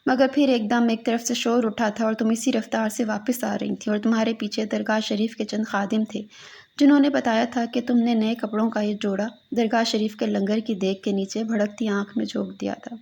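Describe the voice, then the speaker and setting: A woman reads a literary story aloud as a mournful lament. Her voice is husky and gravelly, sitting a little high. She speaks to a lost daughter throughout. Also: flat delivery, a little mellow.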